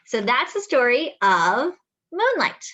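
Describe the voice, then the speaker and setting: A high-pitched woman leads story time, reading a picture book to young kids with an expressive sing-song delivery, stretched phrases, and small asides and questions. Slight background noise is present, and the highs are cut off.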